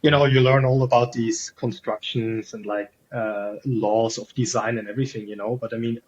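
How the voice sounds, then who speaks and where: Speaking at a normal pace with fairly even intonation, a mid-range male voice comes through on dull audio. He's a podcast guest from Switzerland, an SEO freelancer with a Swiss German accent. His chat is casual and meandering, full of "like" and "you know" fillers.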